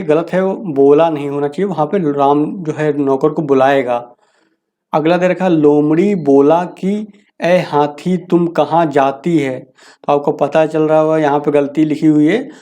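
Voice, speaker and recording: A man teaching a grammar lesson, reading each sentence slowly and then explaining the correction casually. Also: fairly high pitch, a little mellow.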